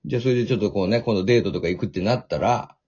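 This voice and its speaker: A man hosting a radio show, talking in a playful, excitable, teasing way. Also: on the low side, rapid-fire, breathy edge, muffled recording. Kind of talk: casual radio banter.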